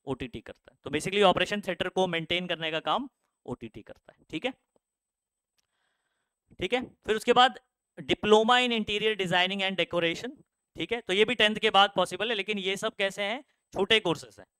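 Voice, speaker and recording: With a high-pitched, pushed and bright voice that rings clear and resonant, a young male teacher talks informally about career options. He peppers the lecture with fillers and keeps asking if the class follows. There's no echo.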